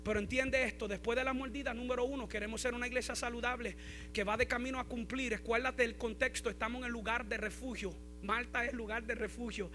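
A man's voice: very high voice, fairly even intonation, fast, pushed and bright, soft background music. A male pastor preaching a sermon, repeating key phrases and building in intensity.

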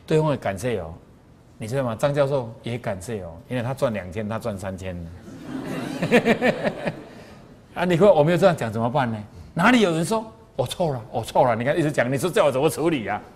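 Lively man lecturing. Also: mid-range voice, quick pace. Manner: animated colloquial storytelling with frequent sentence particles. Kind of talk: moral lecture to a class.

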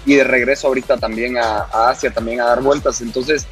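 A man's voice: mid-range voice, steady tone, a little fast, fairly bright tone, soft background music. A man from Guatemala, a guest DJ and producer, upbeat and talking in long rambling runs in a radio interview. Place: radio studio.

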